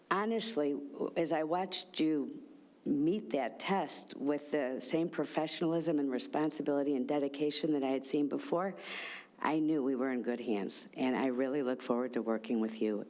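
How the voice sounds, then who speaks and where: Local official, medium-pitched voice, giving an informal spoken tribute with a conversational, halting flow. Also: a little mellow. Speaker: township official giving congratulatory remarks. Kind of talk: informal public tribute speech.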